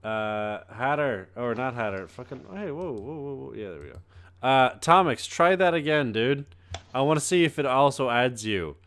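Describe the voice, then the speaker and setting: A man's voice: medium pitch, animated, fairly bright tone, smooth. Male podcast host, easygoing, cusses a lot, laughs easily. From Ireland. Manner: loose, swears freely, quick to laugh. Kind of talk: casual gaming podcast chat.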